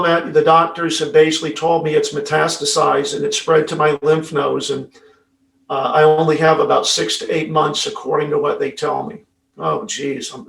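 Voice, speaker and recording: A man telling a motivational story as a keynote speaker, acting out the dialogue with dramatic hushed moments. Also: on the high side. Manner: dramatic, acts out quoted dialogue, drops to hushed tones. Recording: echoey room from far off.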